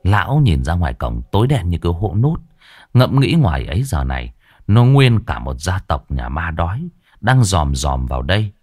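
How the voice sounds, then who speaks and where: A man with a fairly low voice tells a ghost story, his pitch moving in a lively, folksy way. The recording is close and dry, with no room sound. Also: normal speed, husky, dry recording. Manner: animated, folksy.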